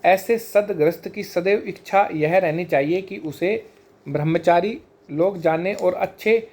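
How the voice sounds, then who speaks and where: Higher-voiced man teaching scripture. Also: darkish tone. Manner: measured and explanatory, slowing to spell out sacred terms one by one. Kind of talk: explanatory scripture lesson.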